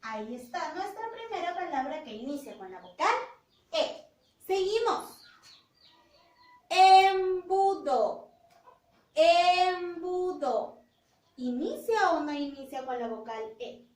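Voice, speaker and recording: A woman teacher giving a phonics lesson to young children, drawing out words slowly and praising in a sing-song way. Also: high-pitched, very animated. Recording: roomy echo, voice from a distance.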